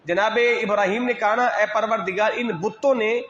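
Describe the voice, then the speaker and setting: A male religious scholar delivering an impassioned devotional sermon with chant-like recitation and drawn-out exclamations. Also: high voice, fairly bright tone, a little hiss or hum. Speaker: religious scholar teaching hadith. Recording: echoey, dull lo-fi hall.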